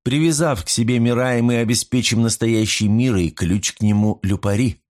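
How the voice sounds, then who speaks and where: A scheming ruler and head of the family, speaking in calm, measured and persuasive terms, as a man reads him aloud. His voice sits a little above the reader's own, in a middle range for a man. It has the feel of an audiobook. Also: medium pitch, close to an everyday voice. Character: father, ruling male patriarch, calculating.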